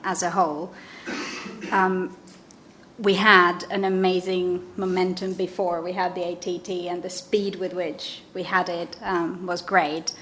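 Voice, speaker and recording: Woman at a conference panel, low monotone voice, lots of ums, light hiss. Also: poor audio. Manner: measured, hesitant with many ums. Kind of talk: panel discussion remarks. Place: conference hall.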